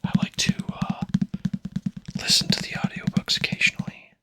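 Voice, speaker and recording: Speaking slowly in a hushed, breathy whisper, this ASMR host reads from a book. His soothing tone stays soft throughout.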